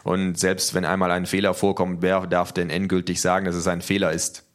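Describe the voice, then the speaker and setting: A pompous senior male bureaucrat, as a man reads him, delivers in a deep, formal and officious voice. He is cold and sure of the rules in a spoken storybook. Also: monotone, fairly quick, close to an everyday voice.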